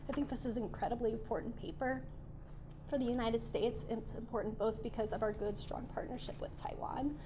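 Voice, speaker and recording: Woman discussant, fading hoarse voice, pitched a bit high, noise in the room. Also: steady tone. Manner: measured, clears her throat now and then. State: losing her voice. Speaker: policy panel discussant. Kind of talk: formal policy commentary. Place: seminar room.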